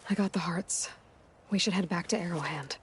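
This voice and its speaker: Woman doing a no-nonsense young hunter girl in a game, lowish voice, lots of noise behind. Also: moderate pace, natural voice. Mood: determined. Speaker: game protagonist. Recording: game audio with loud background noise.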